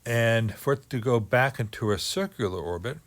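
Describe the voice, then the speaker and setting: A man giving a physics lecture on orbits, working through figures slowly and thinking aloud with many pauses. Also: medium pitch, animated, dry recording. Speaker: teacher.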